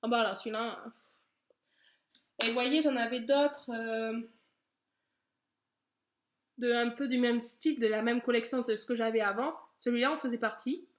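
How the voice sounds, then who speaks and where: A woman with a high voice talks casually and gushes with enthusiasm as she presents her haul. The sound is echoey and roomy. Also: fairly even intonation, normal speed, long pauses. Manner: enthusiastic, gushing, chatty with fillers. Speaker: beauty vlogger. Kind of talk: casual product haul chat.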